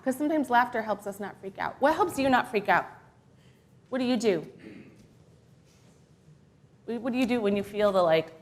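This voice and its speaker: A woman minister giving a playful, animated children's talk during a worship service, asking the kids questions and reading short tips aloud. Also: fairly high pitch. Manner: animated, playful, gently encouraging. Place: church sanctuary.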